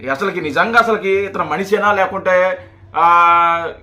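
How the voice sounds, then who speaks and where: A man's voice: high-pitched, steady tone, unhurried, sharp tone. A man giving heated, mocking political commentary on a video channel. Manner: mocking, scolding, repetitive.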